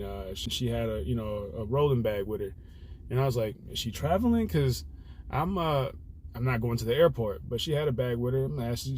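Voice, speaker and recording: A man's voice: mid-range voice, a little mellow, slight background noise. A young man, a rideshare driver, telling a personal story in an earnest, rambling way full of fillers. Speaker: rideshare driver sharing stories. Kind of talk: casual reflective storytelling.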